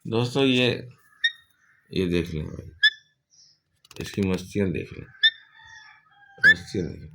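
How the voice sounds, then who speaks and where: A man's voice: deep voice, animated, unhurried, gravelly, long pauses. A man making a casual home vlog, talking to viewers and scolding his pet bird in a playful voice. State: injured leg. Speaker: vlogger. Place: a room at home. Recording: noisy home recording with bird squawks.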